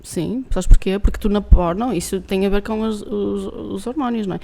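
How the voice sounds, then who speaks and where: A woman's voice: medium pitch, brisk, vocal fry, warm tone. A woman with a European Portuguese accent, a guest speaking frankly in casual chat, often adding tag questions.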